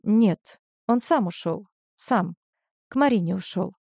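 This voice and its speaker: A woman's voice: mid-range voice, lively intonation, slow pace, vocal fry, mellow, breathy edge, no room sound, studio quality, heavily acted. A woman voicing a weary, guarded wife. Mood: subdued. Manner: subdued, guarded.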